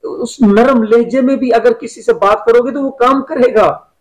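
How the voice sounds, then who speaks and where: A man's voice: very high-pitched, steady tone, unhurried, low-quality recording. A man, a business coach, giving motivational advice in an interview and repeating key phrases as he instructs.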